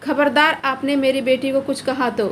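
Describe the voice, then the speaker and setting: Woman doing a defensive mother in a storybook tale, sharp and protective, high voice. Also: level tone, normal speed, slight background noise. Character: protective middle-aged mother.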